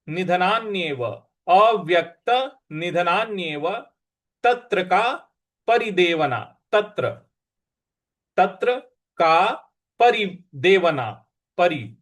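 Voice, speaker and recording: A man leads a slow recitation lesson, breaking each word into syllables and marking where the stress falls. His voice sits fairly high for a man. He chants the lines unhurriedly between plain explanations. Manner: spells out syllables and stresses patiently, chants verses. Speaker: Sanskrit scripture teacher.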